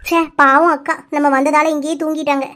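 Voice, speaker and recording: A woman's voice: sits high, flat delivery, fairly quick, background noise, close to an everyday voice. A woman voicing a kindly, bossy middle-aged village woman in a cartoon, fussing affectionately, with a Kanyakumari Tamil accent. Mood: bustling. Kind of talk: cartoon voice acting.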